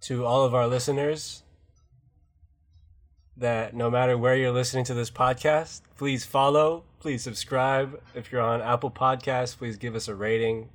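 A man's voice: medium pitch, little pitch movement, unhurried. A man hosting a podcast in casual chat, sounding stuffed up and sick with a cold. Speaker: podcast host.

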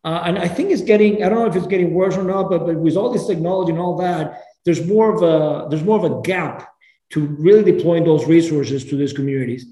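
Brisk and warm, with a fairly high pitch, this man from Venezuela is a program founder appearing as a guest in a casual interview. He talks earnestly and frequently restarts phrases, and the recording carries a roomy echo.

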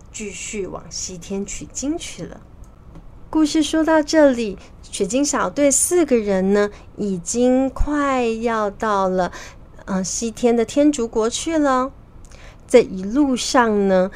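A woman telling a children's story as a mother, in a lively, sing-song way with drawn-out endings. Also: a little high.

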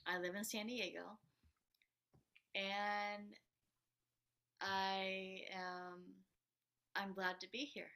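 A woman in her thirties introducing herself slowly and earnestly in a group discussion. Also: medium pitch, little pitch movement, pushed and bright, smooth. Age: 30s. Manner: slow, careful, earnest. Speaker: radio program participant.

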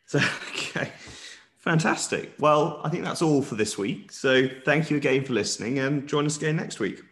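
A man's voice: fairly high pitch, animated, moderate pace, fairly bright tone. A man hosting a podcast in a casual, conversational style. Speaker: podcast host. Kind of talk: casual chat.

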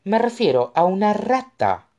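A woman's voice: low-pitched, very animated, normal speed, a little mellow, pitched above the performer's own voice. A narrator voicing a tipsy, indignant young woman who talks defensively and rambles in an audiobook. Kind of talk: audiobook character voice.

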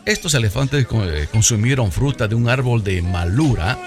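Animated male radio host over music. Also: medium pitch. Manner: theatrical, drawn-out emphasis, playful direct address to listeners. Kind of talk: lively comedic radio monologue to listeners.

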